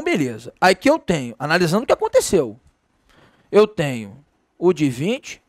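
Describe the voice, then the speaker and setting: A man's voice: high-pitched, no room sound, studio quality. A Brazilian man teaching a Portuguese grammar lesson, slangy and jokey as he tells a story. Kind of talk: exam-prep grammar lesson.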